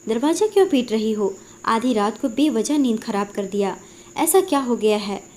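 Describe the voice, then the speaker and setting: A woman's voice: on the high side, animated, normal speed, close to an everyday voice. A woman voicing a harsh, scolding middle-aged stepmother in a spoken Hindi story. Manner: shouting, scolding.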